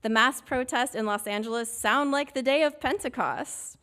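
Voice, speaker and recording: In a church sanctuary, a woman preacher tells an animated story as an interactive children's sermon to a congregation of all ages, inviting everyone to join in. Her voice is high-pitched and her pace moderate.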